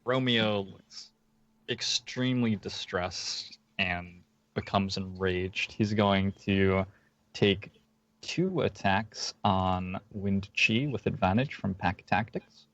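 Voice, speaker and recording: A low-voiced man narrates as game master of a tabletop session. He pauses often with fillers and slows down for scene descriptions. His voice is dry and close, with dull, lo-fi sound. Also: fairly bright tone, no room sound. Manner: hesitant, filler-heavy narration with slowed descriptive passages.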